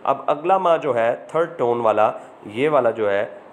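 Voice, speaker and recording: A man's voice: medium pitch, expressive, measured pace, a little hiss or hum. A man giving an online lesson over slides, asking questions aloud and repeating the answers. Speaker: language teacher.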